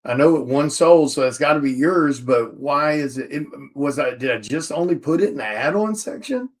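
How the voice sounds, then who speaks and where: A man's voice: fairly high pitch, expressive, normal speed. A tired man talks casually on a livestream as he works through a stack of orders. He mutters item names to himself between loose, chatty asides. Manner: mutters to himself while reading out order items. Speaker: comic artist streaming while packing orders.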